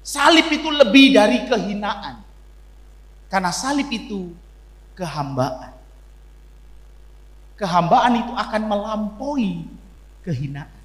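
A man with an East Javanese accent preaching to a youth service, asking questions and answering them himself, swinging between loud and quiet. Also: high-pitched. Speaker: pastor. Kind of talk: sermon. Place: church hall. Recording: echoey church hall.

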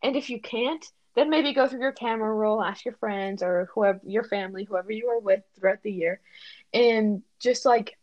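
A woman's voice: medium pitch, dry recording. Thoughtful teen girl, a bit dull-sounding. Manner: thoughtful, halting, many fillers. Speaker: podcast co-host. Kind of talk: casual reflective chat.

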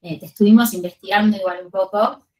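A woman, co-hosting a podcast and asking questions in a measured, curious way. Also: mid-range voice, steady tone, a little mellow, low-quality recording. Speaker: podcast co-host. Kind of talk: podcast interview.

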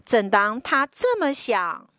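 High, unhurried female storyteller, expressive child-directed read-aloud for toddlers. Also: no room sound. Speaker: picture-book reader, podcast host. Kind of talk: animated storybook reading to young children.

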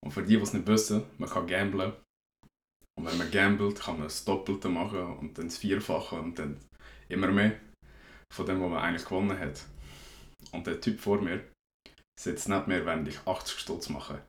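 Deep-voiced young Swiss German man. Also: fairly even intonation, moderate pace. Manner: slangy, rambling storyteller. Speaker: podcast host. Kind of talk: casual podcast chat. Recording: echoey room.

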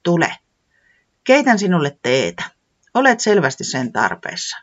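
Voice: mid-range voice, huge pitch swings, muffled recording, pitched above the performer's own voice. A storyteller voicing a kindly, caring owl who speaks in a reassuring, slightly teasing way.

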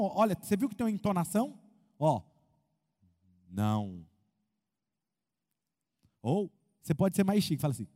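A Brazilian man preaching as a pastor, animated, asking the crowd questions and acting out quotes. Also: very high-pitched. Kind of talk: lively sermon with humor. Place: church hall. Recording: long hall reverb.

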